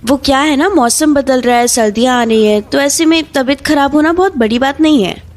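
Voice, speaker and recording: An actress playing a touchy young woman who teases and quickly takes offense in an audio drama. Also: high voice, close to an everyday voice. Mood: caring. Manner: teasing, quick to take offense. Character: young woman Shreya, touchy and sharp-tongued. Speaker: actor. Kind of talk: Hindi audio drama acting.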